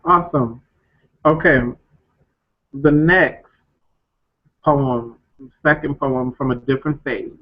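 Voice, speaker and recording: A man's voice: medium pitch, slow, long pauses. Upbeat male interviewer, lo-fi. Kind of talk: casual interview questions.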